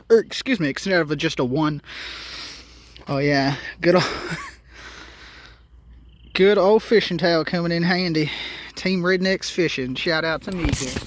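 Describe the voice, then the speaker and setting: High-pitched dude fishing a river at night, gets all hyped, cusses and laughs a bunch. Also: male voice, slight background noise. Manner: excitable, swears a lot, laughs often. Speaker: angler filming his night fishing. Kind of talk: casual fishing vlog chat.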